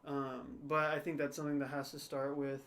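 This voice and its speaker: His voice is mid-range and a bit bright, with little pitch movement, and he talks fairly quickly over a little hiss or hum. The young man co-hosts a podcast, thinking out loud in a thoughtful, hedging way and often checking in with "right?" and "you know."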